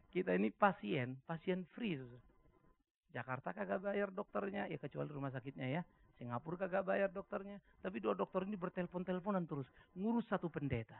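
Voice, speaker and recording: Animated, gravelly Indonesian pastor preaching. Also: male voice, high voice, narrow, tinny audio. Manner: animated preaching, swings from soft musing to shouting. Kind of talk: sermon.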